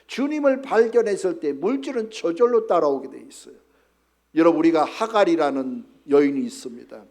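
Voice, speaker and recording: A man's voice: fairly high pitch, expressive, brisk, darkish tone. A male pastor delivering an emphatic sermon in church, often calling out to the congregation.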